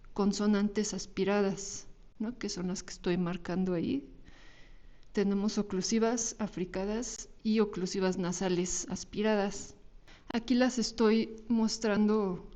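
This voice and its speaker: A woman's voice: mid-range voice, dark tone. A woman with a Mexican Spanish accent giving a recorded university lecture over slides, explaining patiently and often checking in with tag questions. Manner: explanatory, frequent tag questions and small restarts.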